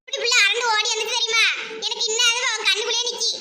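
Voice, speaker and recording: A woman's voice: very high-pitched, level tone, rapid-fire. A woman with a Tirunelveli Tamil accent, voicing cartoon comedy in a teasing, bickering way. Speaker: voice actor. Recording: loud background noise.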